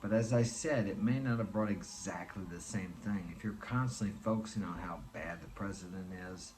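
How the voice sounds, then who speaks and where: A motivational speaker in his sixties delivers an earnest, preachy monologue, restating his points for emphasis. His voice is lowish and his pace moderate.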